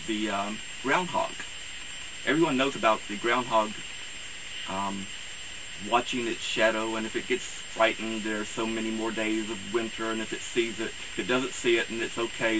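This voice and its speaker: A man speaking as a campy horror host, introducing things in a rambling, halting, theatrical way. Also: fairly low pitch, fairly even intonation. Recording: clear hiss and background noise.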